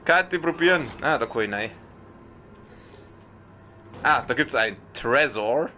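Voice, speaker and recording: A man with a Bavarian accent gives excited let's play commentary on a horror game, swearing and often yelling and yelping. His voice is medium-pitched and unhurried, with a little hiss or hum in the recording.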